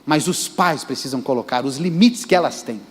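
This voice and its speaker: A man's voice: medium pitch, moderate pace, husky. A Brazilian Portuguese-speaking man preaching a sermon as pastor, emphatic and speaking straight to the congregation. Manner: emphatic, addresses the congregation directly. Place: church sanctuary. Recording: church reverb.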